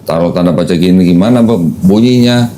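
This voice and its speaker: A man's voice: deep voice, brisk, dark tone, slight background noise. A man hosting a casual podcast chat, patiently explaining things step by step to a new convert. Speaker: host explaining Islam to a convert.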